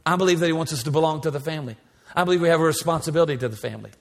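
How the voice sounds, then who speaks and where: A pastor in his forties preaches in a large church sanctuary, the hall's reverb audible on the recording. His slightly high, gravelly voice races along in an emphatic, repetitive cadence.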